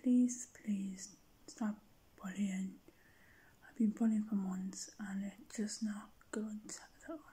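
A woman talking casually to the camera as a video creator, mostly in a hushed whisper. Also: mid-range voice, fairly even intonation, slow pace, breathy edge, poor audio.

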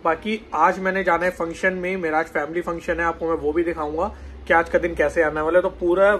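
A man's voice: a little high, flat delivery, brisk, a bit bright, slight background noise. A young man talking casually to viewers in a daily vlog, filming himself on a phone at arm's length while out in the city. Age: young adult. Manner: chatty, addresses viewers as bhai. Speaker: vlogger. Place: outdoors on city streets and in a metro station. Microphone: phone held at arm's length.

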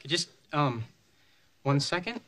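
An actor playing a sarcastic, awkward teenage son with deadpan, wisecracking delivery. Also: male voice, fairly high pitch, slow, crowd noise. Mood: wry. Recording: noisy sitcom TV audio.

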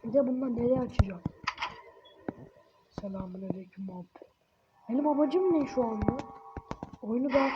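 Female gamer, high voice, jokey and jumpy, curses freely, whispers at times; dull, hissy home mic. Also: normal speed, long pauses. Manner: joking, jumpy, swears a lot, drops into whispers. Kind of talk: casual let's-play commentary.

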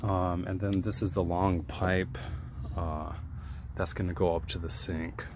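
Crammed under a sink indoors, a man films a DIY plumbing job on his handheld phone in first-person view, casually explaining as he works. His low voice has little pitch movement, he's unhurried with lots of ums and uhs, and background noise comes through.

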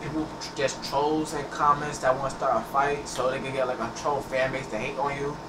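This teenage gameplay host speaks fairly quickly with a medium pitch and flat delivery, rambling casually and often restarting words. Captured on a headset mic, the audio is echoey, distant and full of room noise.

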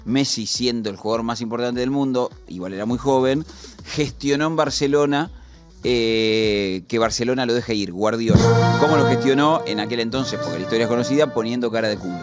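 A man's voice: medium pitch, a little fast, soft background music. A man with an Argentine accent, explaining sports results and rules step by step in casual studio chat. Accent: Argentine Spanish. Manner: explains patiently, with an informal aside at the end. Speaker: sports commentator on a streaming talk show.

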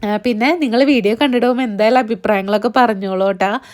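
A young woman narrating her daily vlog in a chatty way, her voice partly gone and hoarse. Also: fairly high pitch, fast, a little mellow. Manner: chatty, fills with "appo" and "kettō". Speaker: vlogger.

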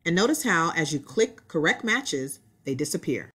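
A woman teacher narrates a screen-recorded software tutorial, giving clear step-by-step instructions. Her voice is fairly low and sing-song, at a normal pace.

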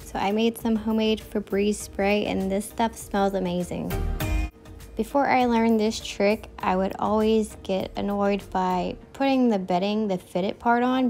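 A woman's voice: medium pitch, creaky, darkish tone. A woman in her thirties, a wife and mom, chatting upbeat to her viewers in a home cleaning vlog voice-over.

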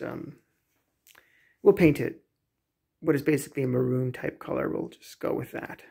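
Gravelly, husky man touring his kitchen. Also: a little high, darkish tone. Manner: rambling, hesitant, many fillers and restarts. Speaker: homeowner vlogger. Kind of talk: casual home tour vlog. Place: home kitchen, indoors. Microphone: phone camera, handheld selfie then walking.

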